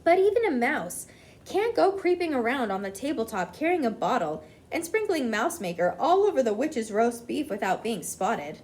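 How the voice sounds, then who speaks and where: A woman voicing an old grandmother in a storybook, composed, firm and shrewd, speaking deliberately and with emphasis. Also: on the high side, very animated, darkish tone. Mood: brisk.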